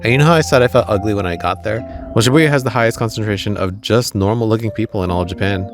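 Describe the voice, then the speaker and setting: A man's voice: fairly low pitch, very fast, over music. A young man telling comedic travel stories outdoors, self-deprecating with wry asides. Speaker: travel vlogger.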